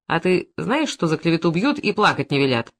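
A woman's voice: fairly low pitch, sing-song, brisk. A woman reading an audiobook, voicing an insolent, mocking petty-thief man. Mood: taunting.

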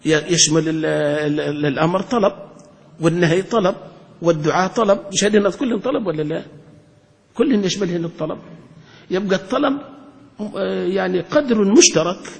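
A man's voice: high voice, brisk, gravelly, pauses often. Sheikh questioning his class. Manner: questioning, repeats points, stumbles and restarts. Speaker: sheikh teaching Arabic grammar. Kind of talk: classroom lesson explanation. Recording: long reverb in a hall.

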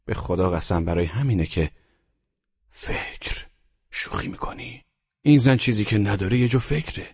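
A fraught, bitter husband ranting in climbing outbursts, his voice pushed high and strained, as a male audiobook reader puts him on. The tone is husky and breathy, captured in a dull, dry lo-fi recording. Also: expressive, long pauses, darkish tone. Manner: bitter, exasperated, rising outbursts. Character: agitated middle-aged man ranting about his wife.

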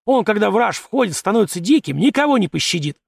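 A man voicing a stern, calm servant who issues curt threats in rustic speech, in an audiobook. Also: sits high, fast talker, vocal fry, slightly rough, no echo, voice pushed up, full character voice. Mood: menacing. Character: stern, calm male servant turned menacing. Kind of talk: audiobook character reading.

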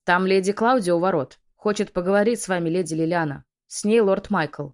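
Woman doing a hurried young servant. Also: lowish voice, natural voice. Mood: alarmed. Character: young male servant, wide-eyed and hurried.

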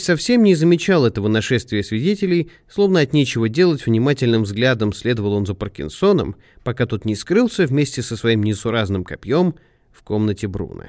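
A man reading a detective story aloud in measured, expressive narration. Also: medium pitch, no room sound, studio quality. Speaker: audiobook narrator. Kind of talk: scripted narration.

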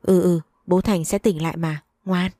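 A woman's voice: lowish voice, fairly even intonation, normal speed, warm tone, no echo, clean studio sound, lightly acted. A woman voicing a harsh elderly grandmother who scolds sharply yet dotes on her grandson, in a spoken story. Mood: soothing. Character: harsh elderly grandmother, scornful but doting.

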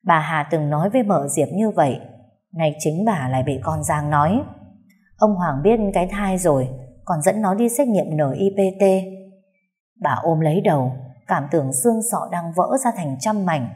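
A woman narrating a dramatic family story in an expressive storytelling voice. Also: sits low, moderate pace.

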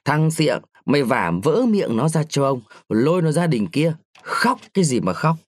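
A man voicing an old, greedy, quick-tempered village clerk who barks threats and harsh questions. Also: medium pitch, very animated. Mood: furious.

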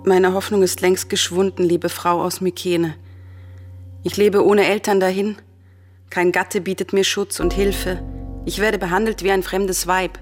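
An actress playing Elektra, a bitter, grieving young princess, in a radio drama with a mournful lament. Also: female voice, lowish voice, flat delivery, unhurried, natural voice. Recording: radio play with soft music behind.

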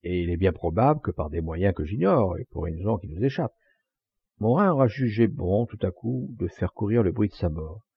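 A man reading the part of a thoughtful, sentimental gentleman who reasons in a measured way. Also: sits low, expressive, vocal fry, slightly rough, exaggerated voice. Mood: pondering. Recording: dull lo-fi dry recording.

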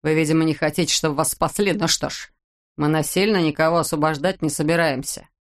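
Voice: mid-range voice, fairly even intonation, quick pace, close to an everyday voice. An audiobook reader voicing a sly crook who reasons and bristles. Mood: indignant. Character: sly male crook Zhulio. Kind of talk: audiobook character voice.

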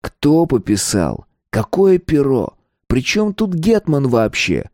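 A man's voice: medium pitch, huge pitch swings, takes it slowly, a little mellow, no room sound, clean studio sound, pitched above the performer's own voice. A man voicing a curt, bushy-browed teenage gang leader who demands answers. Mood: demanding.

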